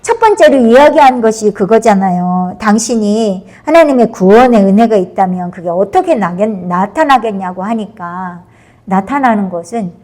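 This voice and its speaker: A woman's voice: medium pitch, animated, moderate pace, a little mellow. A woman preacher at a prayer house gives a sermon-style study of a book, explaining patiently, often affirming her points and acting out the quoted lines. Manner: dramatizes quoted speech in the story.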